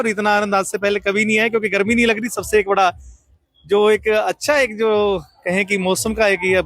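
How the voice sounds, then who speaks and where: Male field reporter, rambling filler-heavy live commentary, husky tone. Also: sits high, a bit bright. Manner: rambling commentary with many fillers, chatty questions. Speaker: reporter covering a religious procession. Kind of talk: live on-the-street commentary and interviews. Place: outdoors at a crowded rainy procession.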